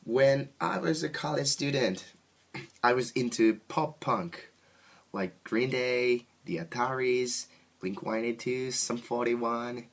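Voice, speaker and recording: His voice is medium in pitch and fairly bright as this Japanese musician answers interview questions about his band. He speaks with a Japanese accent, using simple, halting phrasing in his second language.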